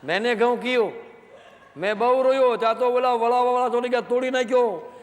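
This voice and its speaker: A man's voice: very high-pitched, steady tone, normal speed, long reverb tail, voice pushed up. A man doing a voice for a weepy Kutchi villager in a stage joke, with a Kutchi accent. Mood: wailing.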